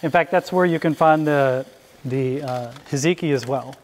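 At a moderate pace and in a voice on the high side, a middle-aged man demonstrates cooking live and informally for a small audience in an indoor hall. As a chef he keeps things relaxed and conversational, encouraging questions, and there's slight background noise.

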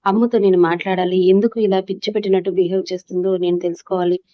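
A stern, serious young husband from a spoken storybook drama, read out by a woman narrator. The voice stays flat and even. The recording sounds dull and close. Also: lowish voice, fast, no echo, lightly acted. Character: young husband, worried then angry.

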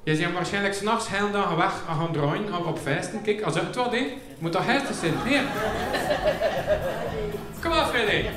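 A man's voice: sits high, brisk, few pauses, loud music behind the voice, over a noisy crowd. A Flemish man doing comedy for care home residents, chatty and teasing, throwing questions at the audience. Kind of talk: live comedy and game show banter with the audience. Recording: echoey hall with audience murmur.

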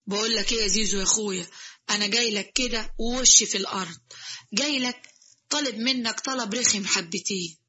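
A woman's voice: mid-range voice, fairly quick, pushed and bright, slightly rough, lo-fi sound. A woman voicing a broke, sheepish male genie in Egyptian Arabic who pleads for a favor. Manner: apologetic, pleading.

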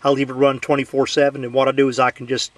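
A man's voice: medium pitch, completely flat delivery, quick pace, no room sound. A man in his truck casually showing off a CB radio, folksy, with lots of filler words. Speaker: CB radio hobbyist demoing a radio. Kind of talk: casual show-and-tell.

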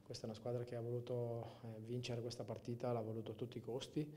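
A male coach in his forties answers in a post-match interview. His voice is mellow and fairly monotone, and he pauses often as he picks out each phrase into a handheld microphone. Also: mid-range voice, slight background noise. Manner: hesitant, measured, pausing between phrases. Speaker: football coach. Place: indoor press area with sponsor backdrop. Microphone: handheld interview microphone held close.

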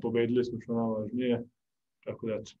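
Low-key young man, flat and mellow. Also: quick pace, muffled recording. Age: young adult. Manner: calm, low-key, searching for words. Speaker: basketball player. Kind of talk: postgame press conference answers. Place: press room before a sponsor backdrop.

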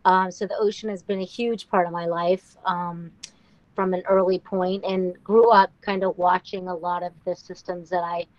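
A woman from Denmark, a marine ecologist on a panel, talking fluently in quick animated bursts on a video call. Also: lowish voice, no echo, dull audio.

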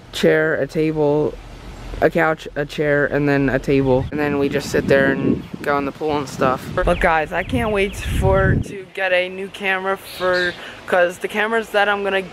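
A fairly high-voiced young man in his late teens talks straight to his viewers in a casual home vlog. He rambles, stops and restarts, and corrects himself as he goes. A faint hiss sits under his voice. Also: fairly bright tone, poor audio. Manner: rambling, many fillers and self-corrections. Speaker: vlogger.

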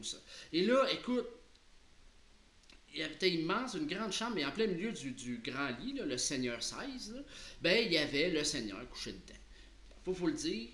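A man with a Québécois accent telling a story in a lively, colloquial, playful way. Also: a little high, a little hiss or hum. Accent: Québécois French. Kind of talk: casual oral storytelling. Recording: roomy echo.

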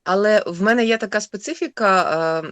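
A woman, the author of a text, talking thoughtfully on a radio show with many pauses and fillers. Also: mid-range voice, a bit bright, no room sound. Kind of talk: radio studio discussion.

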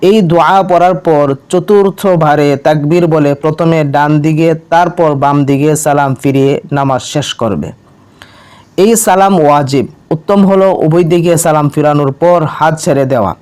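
A man with a Bangladeshi Bengali accent gives step-by-step religious instruction, speaking plainly and chanting the Arabic prayers slowly and carefully. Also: fairly high pitch, darkish tone, smooth. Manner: slow, measured chanting of prayers between plain explanations. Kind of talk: instructional video narration with recited prayers.

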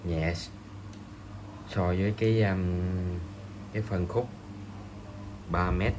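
A man reviewing a fishing rod in a hesitant voice-over, pausing often and filling gaps. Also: deep voice, fairly even intonation, noisy background. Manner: slow, hesitant, many pauses and fillers.

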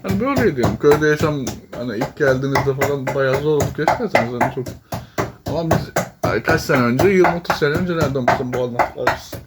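A man's voice: medium pitch, quick pace, over loud music. A man vlogging casually from a village house kitchen, chatty and teasing, often breaking into laughs. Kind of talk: casual home vlog chat.

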